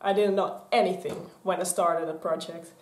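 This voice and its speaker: With a fairly low voice at normal speed, a twenty-something vlogger from the Netherlands rambles chattily to her camera, which stands in front of her, gesturing as she goes. The small indoor craft room of shelves and mannequins sounds echoey.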